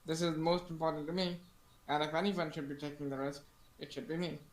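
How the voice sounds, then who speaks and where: A man playing a tabletop game, talking casually and in character in a halting, earnest way. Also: fairly high pitch, flat delivery. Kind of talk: casual in-character play and chat. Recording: echoey room sound.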